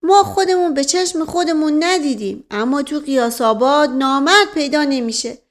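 A woman voicing a rustic old male servant who tells tall tales in a slow, folksy drawl. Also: sits high, animated, pitched above the performer's own voice. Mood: earnest. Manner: drawling folksy storyteller with a stock opener.

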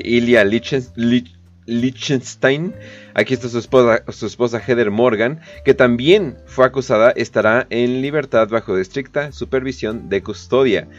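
A man with a Mexican accent hosting a podcast, giving slangy, profane, joking commentary on the news with lots of fillers. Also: mid-range voice. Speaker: podcast host. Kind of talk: casual comedic news commentary. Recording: dull lo-fi podcast audio, faint music.

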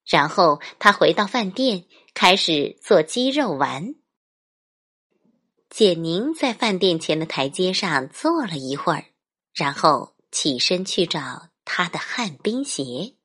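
A woman's voice: fairly low pitch, sing-song, slow, fairly bright tone, slightly rough. A woman storyteller narrating a children's picture book expressively.

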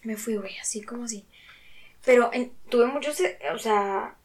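A young woman with a Mexican Spanish accent telling a personal story in a casual chat. She talks in slang, swears freely and acts out what people said. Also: fairly high pitch. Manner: slangy and profane, quick to swear.

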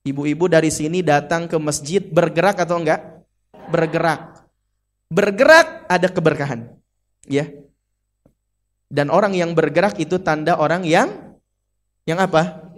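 High-voiced Sundanese-accented man preaching playfully. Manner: lively and playful, acts out quotes and mimics. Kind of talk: sermon. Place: mosque.

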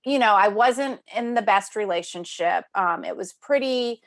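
A woman's voice: mid-range voice, measured pace. A woman in her thirties speaking in a reflective, earnest way in a casual conversation. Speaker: doctoral student.

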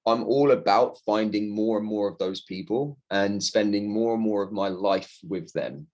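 Podcast host in his thirties, lower pitch, easygoing matey delivery. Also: moderate pace, a little mellow, muffled recording. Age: 30s. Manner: laid-back, says bro and man a lot. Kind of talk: casual podcast chat.

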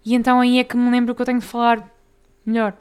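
A young woman with a European Portuguese accent, hosting a casual solo podcast, talking fast and tripping over tongue twisters. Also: a little high, flat delivery, darkish tone, clear, resonant tone. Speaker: podcast host.

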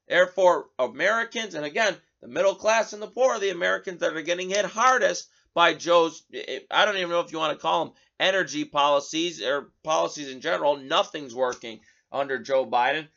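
A man's voice: on the high side, a little fast, creaky, hardly any pauses, bright, forceful tone, muffled recording. A male talk show host giving an indignant, sarcastic political commentary monologue, often restarting his words.

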